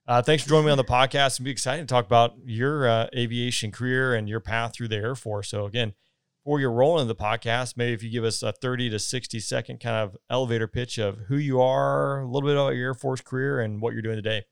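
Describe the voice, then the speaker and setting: A man's voice: medium pitch, fairly even intonation, fast talker, gravelly, smooth, dry recording, studio quality. A man with a Southern American accent hosts a podcast and asks questions in a friendly, easygoing way. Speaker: podcast host, Air Force recruiter. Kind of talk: casual podcast interview.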